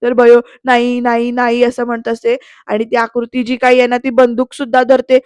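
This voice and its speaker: A woman's voice: on the high side, monotone, brisk, a little mellow, smooth, no room sound. A woman narrating a voice-over review, retelling an episode in a chatty storytelling way with asides to viewers. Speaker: serial reviewer.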